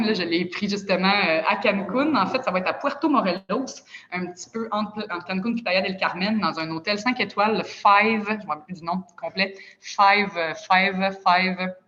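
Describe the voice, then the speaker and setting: A woman's voice: fairly low pitch, a bit bright. Woman, Quebec French accent, video-call presenter, casual persuasive sales talk, dull lo-fi sound. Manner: chatty and persuasive, with casual asides. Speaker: presenter of a travel club.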